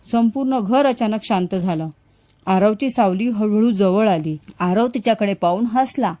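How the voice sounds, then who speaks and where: A woman's voice: medium pitch, mellow. Woman narrating a suspense story.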